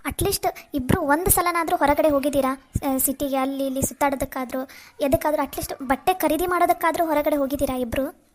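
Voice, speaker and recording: A woman's voice: sits high, quick pace, slight background noise, lightly acted. A woman voicing a caring but firm young friend in a cartoon, comforting and lecturing. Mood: probing.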